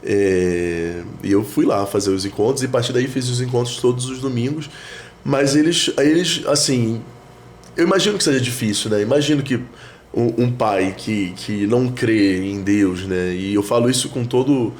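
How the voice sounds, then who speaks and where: A priest, talking reflectively in a casual interview, with many fillers and restarts. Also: male voice, medium pitch, normal speed, a little mellow, slight background noise. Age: 30s. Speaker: priest, guest. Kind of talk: casual conversation.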